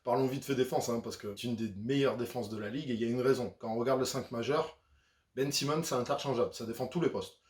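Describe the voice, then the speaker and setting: A man's voice: medium pitch, fast talker, echoey room. A man giving a casual, chatty breakdown of basketball, talking in a loose conversational way with frequent fillers. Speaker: basketball YouTuber. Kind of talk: casual sports analysis.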